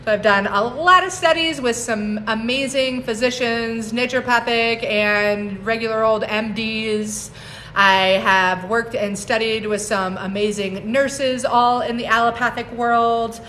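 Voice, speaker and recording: A woman's voice: fairly high pitch, steady tone, a little slow, bright, forceful tone, slight background noise. A woman in her forties, a herbalist, chatting casually on a phone livestream, laughing often and greeting viewers by name. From United States. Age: 40s. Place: home on a mountain, indoors.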